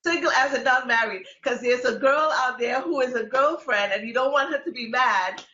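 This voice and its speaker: A woman's voice: high voice, moderate pace, bright, forceful tone. A woman hosting a casual talk show, teasing her guests and laughing often. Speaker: host. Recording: lo-fi, roomy sound.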